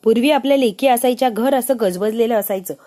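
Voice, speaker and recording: Brief: woman doing a wistful middle-aged mother, soft and mellow. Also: fairly high pitch, fairly quick, lightly acted. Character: middle-aged mother missing her daughters.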